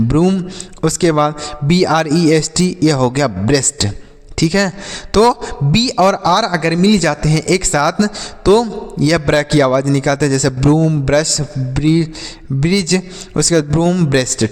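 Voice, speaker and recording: A man with a fairly high voice teaches an English phonics lesson and talks to the class as children. He slows down to spell out letters and answers his own questions. His voice trails off in a long, hall-like reverb. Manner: repeats questions and answers them himself, addressing children.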